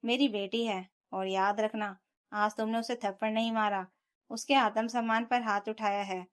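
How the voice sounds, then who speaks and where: A woman voicing a protective young father in a storybook narration, asking quiet, measured questions. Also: on the high side, fairly even intonation, lightly acted. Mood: firm. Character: protective young father, calm but firm.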